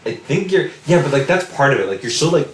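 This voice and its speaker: A man's voice: on the high side, sing-song, quick pace, roomy sound, slight background noise, low-quality recording. A man co-hosting a podcast in casual chat, hesitant and full of filler words. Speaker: podcast co-host.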